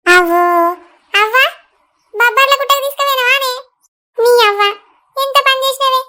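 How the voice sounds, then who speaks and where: A frantic cartoon grandmother with a Telangana Telugu accent begs for help finding her grandson. The voice is extremely high and glaringly bright. She sounds anxious and pleading. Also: normal speed, heavily acted. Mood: worried. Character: worried village grandmother searching for her grandson.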